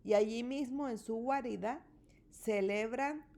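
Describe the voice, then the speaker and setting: A woman reading a children's rhyming picture book aloud with an expressive, rhythmic delivery. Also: a little high, measured pace. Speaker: storybook reader.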